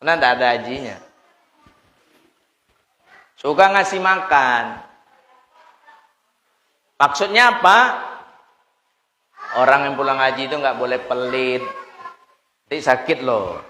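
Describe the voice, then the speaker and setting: A man's voice: mid-range voice, measured pace, long pauses. A man preaching a humorous sermon to a congregation, telling stories with mimicked voices and laughter. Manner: animated storytelling, mimics voices and chants, laughs often. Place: prayer hall with congregation. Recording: echoey hall, faint room noise.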